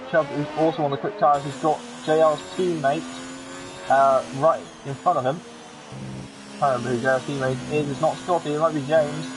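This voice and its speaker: Excitable race commentator. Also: male voice, fairly high pitch, moderate pace. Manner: excitable, chatty with jokey asides. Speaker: sim racing league commentator. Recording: game engine noise under the voice. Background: racing car engine sounds from the game.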